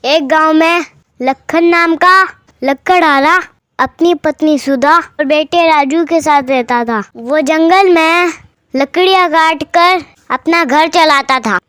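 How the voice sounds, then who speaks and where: Very high-pitched slow storyteller. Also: sharp tone, no room sound, clean studio sound. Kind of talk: storybook narration.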